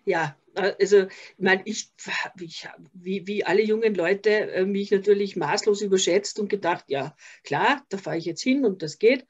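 An older, Austrian-accented woman talks at a moderate pace in a husky, mid-range voice. She is a social worker being interviewed over video call, thoughtful and hesitant and repeatedly beginning again, with slightly dull audio.

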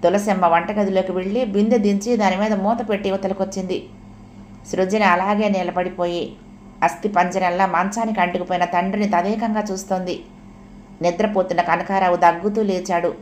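A woman's voice: medium pitch, a little hiss or hum. Woman narrating an audio novel. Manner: steady, measured storytelling. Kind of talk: scripted narration.

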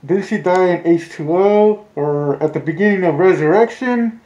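A man's voice: sits high, moderate pace, a little mellow. Man talking muffled through a face mask. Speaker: vlogger reviewing film trailers. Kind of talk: casual chat, rambling with swearing. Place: small indoor room with blinds. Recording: dull, muffled, roomy home recording.

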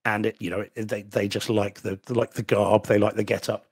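A middle-aged New Zealander who works as a solicitor has a lowish, husky, darkish voice with little pitch movement and a brisk pace. On a home theater podcast he co-hosts, he chats casually and carefully with dry asides and restarts, recorded on a desk mic over a video call from a room at home.

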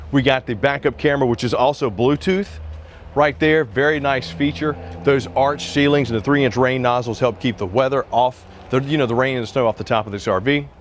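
A man's voice: medium pitch, slight background noise. A man in his forties presenting an RV on an outdoor sales lot, talking in a casual, upbeat salesman style into a lapel mic. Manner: upbeat, conversational salesman patter. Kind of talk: walkaround product review.

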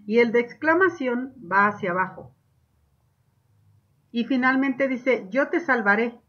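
A woman's voice: on the high side, dull audio. A woman teacher, patiently explaining a lesson to young children and reading example sentences aloud with expression. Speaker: primary school teacher. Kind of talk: online class lesson.

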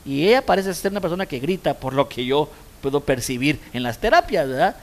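A man's voice: a little high, brisk. A man preaching a language sermon as pastor and therapist, telling a story with lots of restarts and "¿verdad?" checks. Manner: animated storytelling, many repeats and "¿verdad?" tags. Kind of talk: sermon with anecdote.

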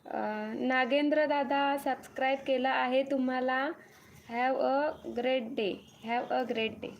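With a high-pitched voice and some slight background noise, a young woman streams live and casually from her farm home, a cattle shed close by. She greets viewers individually, reads their comments out loud, and thanks each one by name repeatedly.

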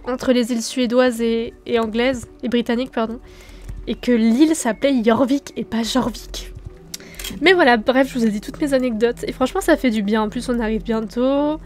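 A young woman with a French accent, chatting calmly and casually over her gameplay, with lots of small fillers. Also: fairly high pitch. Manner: calm, relaxed, chatty with many fillers. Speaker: gaming youtuber.

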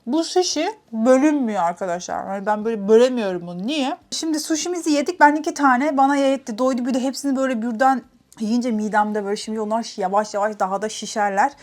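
A woman's voice: on the high side, quick pace, a little mellow. A young woman chatting casually in a food vlog, telling stories animatedly and laughing often. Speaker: vlogger. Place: home in Canada.

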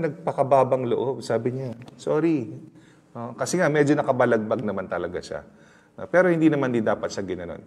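A man's voice: mid-range voice, darkish tone. Filipino pastor man, chatty sermon w/ stories and little jokes, echoey hall. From Philippines. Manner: mixes English into Tagalog, chatty storytelling with laughs and audience questions.

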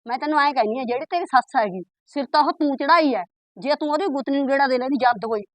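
A woman's voice: dry recording, natural voice. A woman with a Punjabi accent playing a nagging, scolding village mother in a family drama. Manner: scolding, complaining, quick and shrill. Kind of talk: amateur village drama acting.

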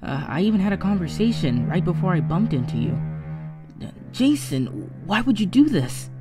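A woman's voice: on the low side, sing-song, loud music behind the voice. A woman voicing a cocky young male spaceship captain in an amateur film, trading sarcastic jokes. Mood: mocking. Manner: sarcastic, joking, quick comebacks.

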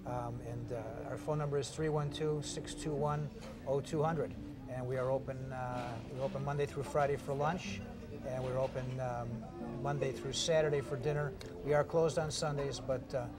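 A man's voice: steady tone, normal speed, over music. A middle-aged man, a restaurant manager chatting easily on camera about his place, with many fillers. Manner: easygoing, filler-heavy host-style pitch. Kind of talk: on-camera interview. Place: restaurant bar and dining room.

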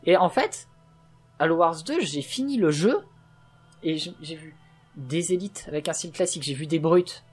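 A man's voice: a little high, lively intonation, normal speed, slightly rough, faint music behind. A man hosting a let's play, talking in casual gaming chat, passionate and opinionated, going off on a rant.

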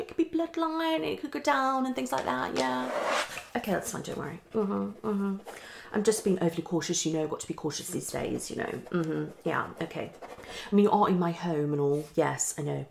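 Her voice here is mid-range, gravelly and a little mellow, with slight background noise. She's a thirtysomething British woman acting as a psychologist for an ASMR roleplay, posing theatrical questions with murmured acknowledgements in a one-sided consultation. It's recorded indoors in her small living room.

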